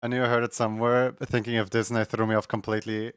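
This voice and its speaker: A man's voice: mid-range voice, little pitch movement, fast, clean tone, no room sound, studio quality. A man hosting a livestream, talking casually to his viewers. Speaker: livestream host.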